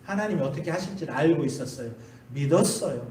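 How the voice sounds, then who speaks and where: A man's voice: on the high side, expressive, fast talker, a little mellow, a little hiss or hum. A male pastor preaching a sermon in a church, often asking the congregation questions and repeating key phrases. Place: church sanctuary. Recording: echoey church from a distance.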